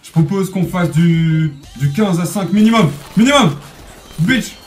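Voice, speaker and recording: A man giving excitable gameplay commentary, swearing and yelling at opponents as he plays. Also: fairly high pitch, unhurried, far from the mic. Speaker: gamer. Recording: echoey room, voice off-mic, music underneath.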